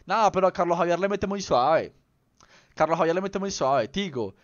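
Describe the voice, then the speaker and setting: Young dude on stream, kinda high voice, goofy rambling chat, bit dull lo-fi sound. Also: male voice, animated, moderate pace, no room sound. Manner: playful, rambling, peppered with slang. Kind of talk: casual livestream chat with viewers. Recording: slightly dull lo-fi stream audio.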